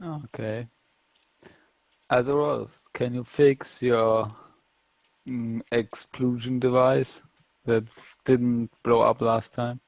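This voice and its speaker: A man speaking slowly and hesitantly as a player in a tabletop game. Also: medium pitch, flat delivery, no echo, rough recording. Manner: slow, hesitant. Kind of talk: casual tabletop play.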